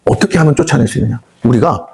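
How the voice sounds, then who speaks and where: A man's voice: medium pitch, rapid-fire, creaky, darkish tone, slightly rough. A man preaching a revival sermon in a church, blunt and coarse, scolding his congregation and acting out the voices of God, the devil and children. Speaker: pastor. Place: prayer house church hall.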